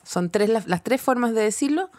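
A young woman with a Chilean accent chats on her podcast with a slightly high voice. She throws in quick, wry jokes as she talks. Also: expressive, darkish tone. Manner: playful, wisecracking. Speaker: podcast co-host. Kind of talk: casual chat.

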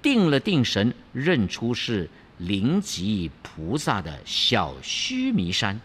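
A storyteller telling a classic tale in an animated, theatrical way, slipping in English words now and then. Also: medium pitch, takes it slowly, slightly rough. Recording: long hall reverb, faint ambience.

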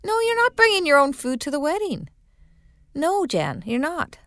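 A woman's voice: high voice, huge pitch swings, normal speed, a bit bright, dry recording. A woman co-hosting a podcast from a small studio, emphatic and teasing as she acts out scenes. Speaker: podcast co-host. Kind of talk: casual chat.

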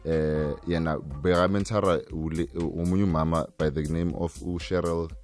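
A man's voice: extremely low pitch, steady tone, moderate pace, darkish tone, soft background music. A South African man answering interview questions on radio, conversationally, often switching languages mid-sentence. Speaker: radio interview guest, operations coordinator.

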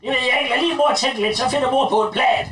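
A man's voice: very high voice, sharp tone. A man playing a crude, bossy mother who rambles bluntly and calls herself mum. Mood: rambling. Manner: crude, rambling, talks about herself as "mor". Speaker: sketch actor. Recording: roomy, distant recording.

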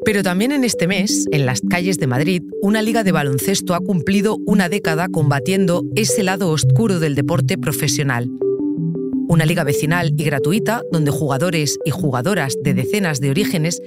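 A woman hosting a news podcast, reading a scripted narration with a Spain Spanish accent in a measured, even delivery. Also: on the low side. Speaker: podcast host. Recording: music bed under the voice.

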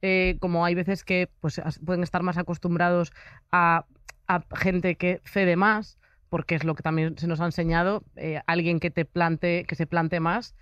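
A woman, co-hosting a casual chat, frank and quick to joke. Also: on the low side, little pitch movement, smooth, no echo, lo-fi sound. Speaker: co-host.

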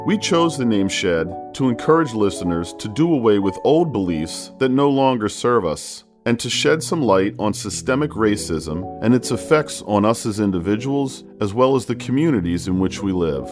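A man hosting a podcast, a practicing therapist speaking in a calm, measured way. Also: lowish voice, music in the background. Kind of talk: scripted intro then interview questions.

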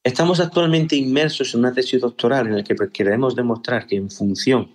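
A man's voice: medium pitch, fairly even intonation, a little fast. Man, a surgeon explaining patiently. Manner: didactic, explains step by step. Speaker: ear, nose and throat surgeon. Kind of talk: explanatory interview answers.

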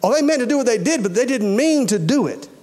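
Lively in intonation and quick in pace, a forties-aged male preacher with a slightly mellow, notably high voice speaks to his congregation. He uses a folksy, colloquial, emphatic style, repeats phrases for stress, and questions and urges listeners directly.

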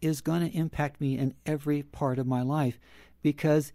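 A man's voice: fairly high pitch, fairly even intonation, normal speed, mellow, no room sound, studio quality. A man who is a guest counselor on a roundtable, telling stories with a lightly sarcastic edge. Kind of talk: casual roundtable talk.

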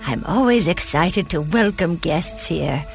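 A woman playing a kindly, folksy, devout elderly granny in a gentle, unhurried bedtime sleep story. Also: on the low side, animated, creaky, faint music behind. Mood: folksy, welcoming. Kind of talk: scripted sleep story narration in character.

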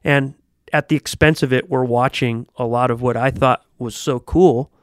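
A man co-hosting a golf podcast, talking in a blunt, profane, animated way. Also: mid-range voice, normal speed, no echo, studio quality. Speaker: podcast co-host. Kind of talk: casual chat.

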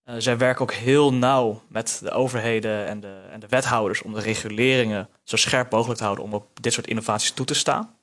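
A man's voice: lowish voice, steady tone, fairly quick, hardly any pauses, fairly bright tone. A man explaining as an expert guest on a talk show. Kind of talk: business interview.

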